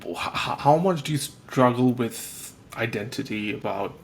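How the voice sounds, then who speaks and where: A man's voice: mid-range voice, lively intonation, unhurried, a little hiss or hum. A man hosting a podcast, asking loose, musing questions with many fillers in a casual conversation. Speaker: podcast host. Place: lives in Australia.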